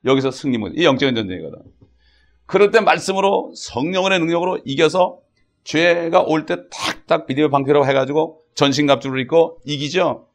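A man's voice: fairly high pitch, a little fast. A middle-aged man preaching a sermon as a pastor, talking in a conversational way with frequent asides and acting out quoted voices and prayers.

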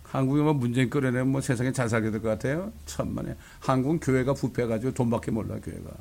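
A man's voice: mid-range voice, quick pace, creaky, darkish tone. A male pastor preaching a fiery, blunt sermon, with coarse insults thrown in.

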